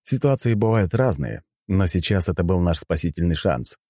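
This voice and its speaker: A man narrating an audiobook in the first person with animated storytelling. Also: deep voice, moderate pace, no room sound, clean studio sound.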